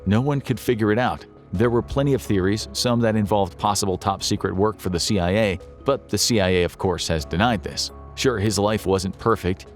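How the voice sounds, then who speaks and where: A man with a lowish voice reads a scripted crime documentary narration. His delivery is steady and measured, and he builds tension with pointed questions. Faint music plays quietly underneath.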